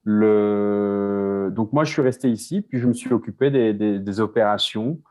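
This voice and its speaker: A man's voice: fairly low pitch, measured pace, darkish tone, faint music behind. A man from France, a business co-founder, talking casually as an interview guest, with many restarts and repeated words. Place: Mexico City.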